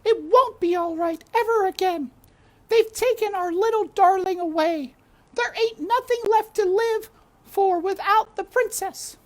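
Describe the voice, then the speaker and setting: A woman voicing a ferocious, stout female castle cook who shouts and wails in a coarse, broad way. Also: very high-pitched, measured pace, voice pushed up. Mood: sobbing.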